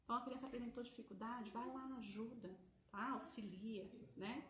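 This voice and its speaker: A woman's voice: on the high side, normal speed, a little hiss or hum. A Brazilian woman teaching on a live stream, explaining to parents step by step and checking in often with little tag questions. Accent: Brazilian Portuguese. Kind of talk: casual teaching talk to parents. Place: home, streaming from a phone. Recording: echoey room.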